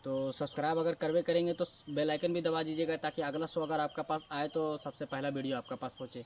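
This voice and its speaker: Guy telling a funny story, high voice, bit far from the mic with birds faintly behind. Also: a little fast. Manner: animated, swings between loud and hushed, acts out quotes. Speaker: storyteller, channel host. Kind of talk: casual comic storytelling. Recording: distant mic with faint background noise.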